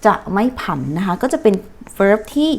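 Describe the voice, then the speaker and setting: A woman English teacher giving a lesson, her voice swinging through a wide, animated pitch range. She counts her students in and drills sentences, stretching the English phrases out slowly so they can repeat.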